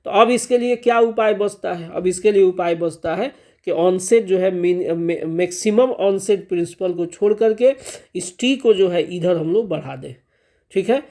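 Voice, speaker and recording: A male teacher with a fairly high-pitched voice explains a pronunciation lesson step by step. He stretches out the example sounds slowly and keeps checking that his students are following. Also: darkish tone. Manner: repeats "clear ho gaya" and "theek hai" as check-ins; slow, drawn-out enunciation of example sounds. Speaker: English teacher. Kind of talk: classroom-style explanation.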